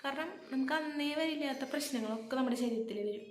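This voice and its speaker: Young woman, animated storyteller, fairly high voice, echoey room, faint background noise. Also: fast. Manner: animated, acts out dialogue. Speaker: vlogger. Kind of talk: casual storytelling.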